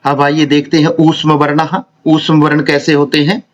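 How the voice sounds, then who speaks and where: A man teaching a grammar lesson, explaining slowly and repeating syllables one by one. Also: on the high side, completely flat delivery, dull audio. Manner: slow, deliberate, repeats and spells out syllables.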